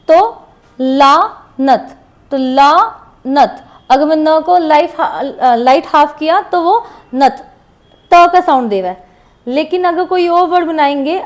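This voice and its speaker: High-voiced woman teaching shorthand slowly. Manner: slow, patient, repeats words while writing examples. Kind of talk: classroom lesson explaining shorthand strokes.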